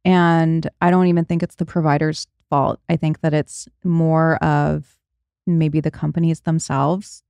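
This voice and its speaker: A woman's voice: low voice, darkish tone, no room sound. A woman in her late thirties hosting a podcast, chatting casually, laughing often and trailing off mid-thought. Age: 30s. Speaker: podcast host. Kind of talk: casual chat.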